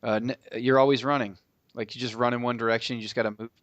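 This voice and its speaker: A man's voice: mid-range voice, flat delivery, fast, no room sound. A man co-hosting a casual podcast, blunt and swearing, often laughing. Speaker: podcast co-host. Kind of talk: casual chat.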